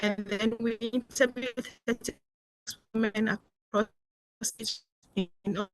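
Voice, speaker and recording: A woman presenting over a video call, talking haltingly with fillers while her audio breaks up and drops out. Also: on the high side, fairly even intonation, no room sound. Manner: halting, many fillers and restarts. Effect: choppy, breaking-up video call audio. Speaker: evaluation presenter. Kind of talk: webinar presentation. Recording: distant dropping-out call line.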